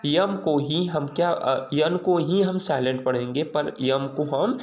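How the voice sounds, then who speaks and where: Taking things slowly, a male teacher with a fairly high, somewhat mellow voice leads a casual, patient class. The recording captures him writing on a board or page as he talks, and he repeats his tag questions again and again.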